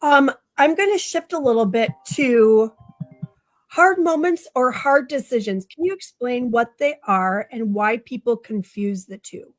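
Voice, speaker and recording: A woman's voice: fairly high pitch, expressive, measured pace, soft background music. Woman host asking a brief question. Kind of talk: interview question. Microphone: video call.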